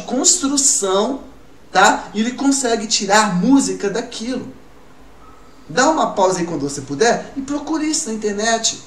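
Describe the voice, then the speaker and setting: Man, music teacher, lively question-and-answer style, echoey room, distant mic, faint noise. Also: high-pitched. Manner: lively, talks to pupils as "gurizada", asks and answers his own questions. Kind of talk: recorded online class for kids.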